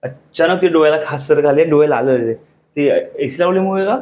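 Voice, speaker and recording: A man's voice: on the high side, animated, moderate pace, darkish tone, highs cut off. A young man vlogging a casual family chat with his wife, chatty and teasing, often repeating his words. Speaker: vlogger husband.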